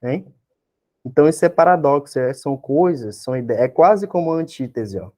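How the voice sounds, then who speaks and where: Mellow-voiced Brazilian man teaching a class. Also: medium pitch, animated, fairly quick. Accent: Brazilian Portuguese. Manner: explains step by step, constantly checks in with tag questions and rhetorical questions. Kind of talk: exam-prep class lecture.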